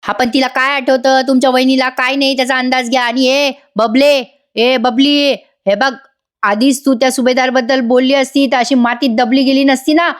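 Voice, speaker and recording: A woman's voice: high voice, little pitch movement, pitched above the performer's own voice, lightly acted. A woman voicing a ruthless villainous man who orders his henchmen about. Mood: commanding. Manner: bossy, slow and commanding.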